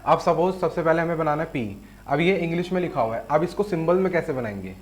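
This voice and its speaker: A man teaches shorthand in an online lesson with a board demo, patiently explaining each stroke step by step and often saying "theek hai." His voice is on the high side and expressive, quick-paced, with a little hiss or hum.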